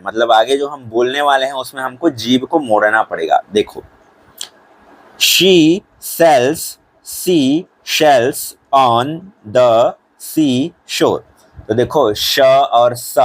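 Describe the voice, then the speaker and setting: A man teaching a school English lesson, reading English lines out slowly and then explaining each one in Hindi. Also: mid-range voice, no room sound. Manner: slow, careful pronunciation drilling with repeated words.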